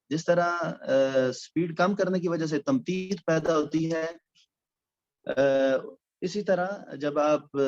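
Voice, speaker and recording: A man's voice: a little high, a little mellow, lo-fi sound. A male recitation teacher giving a recorded lecture, explaining step by step with frequent hesitation sounds.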